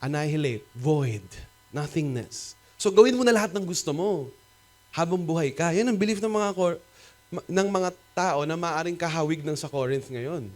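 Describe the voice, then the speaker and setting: A man with a Filipino accent, a pastor preaching a sermon in an animated, rhetorical way, switching between Tagalog and English. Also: fairly high pitch, normal speed. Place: cinema used as a church hall.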